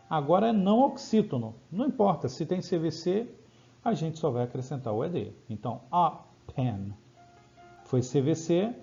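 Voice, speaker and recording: A Brazilian man teaching English grammar in Portuguese, explaining rules step by step and checking in with quick questions. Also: fairly high pitch, creaky, mellow, muffled recording. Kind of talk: grammar lesson over slides.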